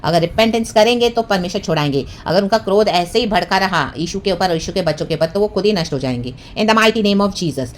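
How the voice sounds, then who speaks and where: A woman's voice: medium pitch, a little fast, few pauses, slight background noise. A woman preaching a devotional sermon, mixing English phrases and often repeating hallelujah and amen. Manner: fervent, peppered with hallelujah and amen.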